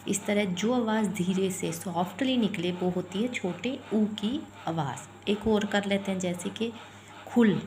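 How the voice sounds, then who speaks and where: A woman teaches vowel signs in a slow, unhurried voice, breaking each word into its sounds and saying it again and again. Faint noise sits under the recording. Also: medium pitch, a little mellow. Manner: spells words out sound by sound and repeats them. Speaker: Hindi teacher. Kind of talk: explaining letters and vowel signs.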